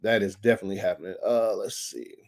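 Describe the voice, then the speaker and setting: This man has a low-pitched voice with vocal fry and talks fast as host of a daily online show. His livestream banter is casual, loose and slangy, full of laughter, his throat slightly scratchy, with faint music in the background.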